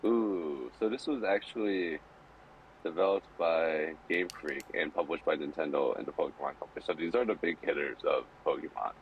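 A man's voice: moderate pace, dull audio, a little hiss or hum. A man co-hosting a podcast over a call, chatting casually and playfully. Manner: playful, breaks into high laughing squeals. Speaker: podcast co-host. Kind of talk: casual chat.

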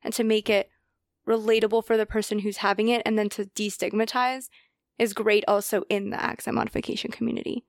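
A woman's voice: medium pitch, little pitch movement, a little fast, vocal fry, dry recording, clean studio sound. A woman hosting a podcast interview who talks in a reflective, affirming way and often murmurs agreement. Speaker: podcast host.

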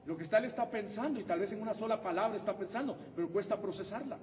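A man preaching a sermon as pastor in a church, animated and humorous. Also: sits high, racing, distant mic, a little hiss or hum. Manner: animated and humorous, acting out husband-wife exchanges. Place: church sanctuary. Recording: echoey hall, preacher away from the mic.

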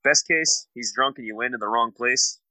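A man's voice: mid-range voice, moderate pace, pushed and bright, no echo. A man co-hosting a podcast, joking casually with his friends. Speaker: podcast co-host. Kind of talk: casual comedic banter.

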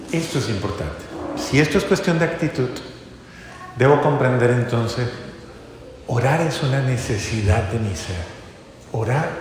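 A man's voice: medium pitch, a little hiss or hum. Male priest, sermon delivery, coaxing and repetitive; long hall reverb, faint ambience. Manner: coaxing, repeats commands, builds up lists. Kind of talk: sermon to a congregation.

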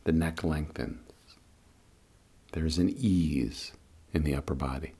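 Unhurried and soothing, the man leads meditation and breathing practice with calm instruction. His tone is husky and his register extremely deep.

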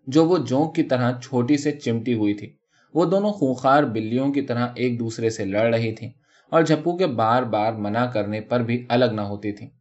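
A man narrating a short story aloud in a steady, expressive reading, on a dull lo-fi recording. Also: medium pitch. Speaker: story reader.

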